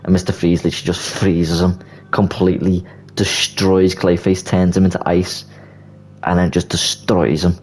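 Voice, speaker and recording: A man's voice: deep voice, little pitch movement, normal speed. A young man casually retelling a movie plot idea, rambling and leaning on filler words. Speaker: video creator. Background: soft background music.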